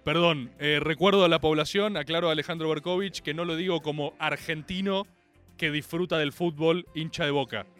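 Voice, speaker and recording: Rioplatense male host, high lively voice, theatrical slangy rant, faint music behind. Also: fairly quick. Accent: Rioplatense Spanish. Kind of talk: comic monologue.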